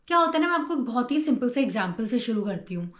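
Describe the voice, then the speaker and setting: A woman's voice: on the high side, very animated, fast talker, a bit bright. A young woman hosting her own channel, giving a casual motivational talk and explaining her points with everyday examples. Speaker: YouTube host. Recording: echoey room.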